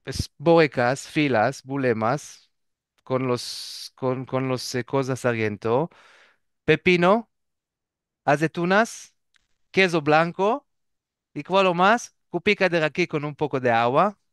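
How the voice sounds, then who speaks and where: Guy telling stories, keeps searching for words, smooth clear voice. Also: a little high, a bit bright, no room sound, clean studio sound. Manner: halting, searches for words, restarts often. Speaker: guest. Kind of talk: casual storytelling.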